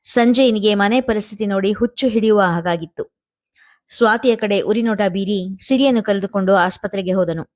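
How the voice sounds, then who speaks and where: A woman storyteller reading an emotional family drama in a steady, even narration. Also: medium pitch, normal speed. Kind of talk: scripted narration.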